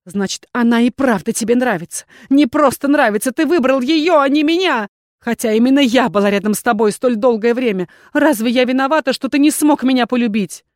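A woman voicing a jealous, abandoned noblewoman who shouts and pleads through tears. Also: lively intonation, unhurried, gravelly, no echo, studio quality. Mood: furious. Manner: shrill pleading and shouting, tearful.

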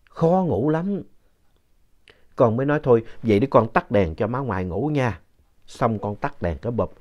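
A man narrating a ghost story in a conversational, lively way with asides to the listener. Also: medium pitch. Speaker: story reader. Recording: dull lo-fi sound.

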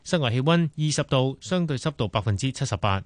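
A man reading the news and weather on the radio in a steady, measured way, close to a studio mic. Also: medium pitch, very noisy. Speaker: newsreader. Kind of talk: scripted news and weather read. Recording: dry studio sound.

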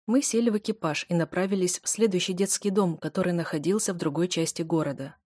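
A woman's voice: fairly low pitch, fast, a little mellow, slightly rough, no echo, clean studio sound. A woman narrating an audiobook in the first person, reading with emotion.

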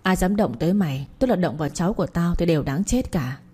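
A woman's voice: fairly low pitch, lively intonation, fast, dark tone, slightly rough. A woman reading the lines of a harsh, domineering elderly matriarch who scolds and commands. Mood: scolding.

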